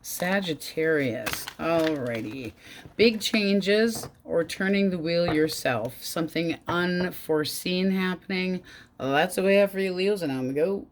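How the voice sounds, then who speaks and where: A woman giving a casual tarot reading, talking bluntly and chattily, swearing now and then and jumping up in pitch. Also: animated, measured pace, slight background noise. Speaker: tarot reader.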